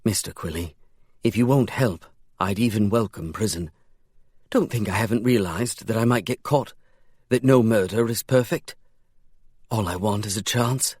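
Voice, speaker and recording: A man reading the part of a drab, nervous Englishman with an English accent, speaking quietly and earnestly. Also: on the low side, moderate pace, long pauses, slightly rough, no echo, studio quality. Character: drab nervous thin Englishman plotting a murder.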